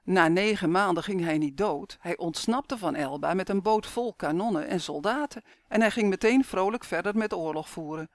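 A man's voice: high-pitched, no room sound. A man reading the lines of a patient mother who explains history to her children.

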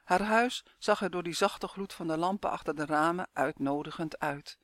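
A man narrating a storybook in a clear, even storytelling manner. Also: fairly high pitch, normal speed, dry recording, studio quality. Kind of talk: storybook reading.

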